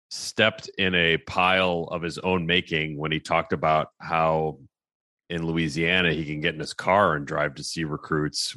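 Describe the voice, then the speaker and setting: A man's voice: a bass voice, pushed and bright, no room sound. A man co-hosting a sports talk show, giving dry, mocking commentary.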